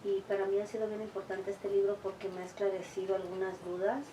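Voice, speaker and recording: Flat-voiced woman in an echoey room. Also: medium pitch, very fast, background noise. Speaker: convert attending a Q&A. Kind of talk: self-introduction. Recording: echoey room, distant mic.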